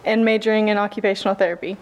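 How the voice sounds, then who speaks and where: Monotone nineteen-year-old woman. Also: medium pitch, gravelly. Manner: measured greeting, then rushed ending. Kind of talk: self-introduction at a podium.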